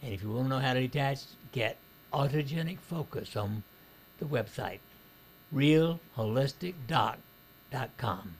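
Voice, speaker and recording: A man's voice: medium pitch, lively intonation, measured pace, slight background noise. A man hosting a call-in talk radio show, blunt and outspoken in his opinions.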